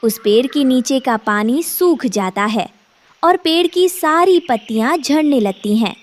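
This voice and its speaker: A woman narrates a children's moral story in a gentle, instructive tone. Her voice is high and she speaks slowly, giving each phrase room. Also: expressive. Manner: gentle, didactic.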